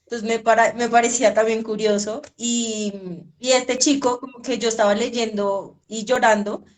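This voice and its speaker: A woman's voice: on the high side, flat delivery, moderate pace. Chatty woman rambling with fillers. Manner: chatty, rambling, many fillers like 'como que'. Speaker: reader and guest. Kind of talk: casual conversation.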